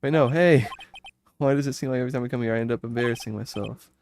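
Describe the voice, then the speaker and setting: A man's voice: medium pitch, quick pace, a little mellow, soft background music, lightly acted. A man reading the part of an earnest, self-doubting defense lawyer in a video game, often thinking aloud. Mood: pondering, suspicious.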